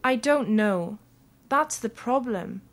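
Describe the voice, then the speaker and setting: A woman voicing a young red-haired girl in an audio story, speaking English slowly and carefully. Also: a little high, expressive. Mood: earnest. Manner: slow, carefully spoken English.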